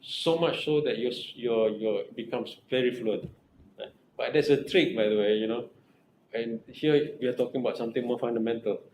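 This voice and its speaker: With a mid-range, darkish voice at a moderate pace, a middle-aged Malaysian-accented man guides his research student as supervisor. He keeps restarting phrases, repeats himself earnestly, and asks "right?" a lot. The recording has room echo and faint noise.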